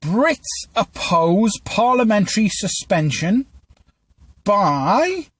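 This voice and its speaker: High-pitched man, stiltedly reading a script. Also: sing-song, slow, breathy edge, no room sound. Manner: stilted teleprompter-style reading with stumbles. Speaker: podcast host. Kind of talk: scripted news commentary read aloud from a script.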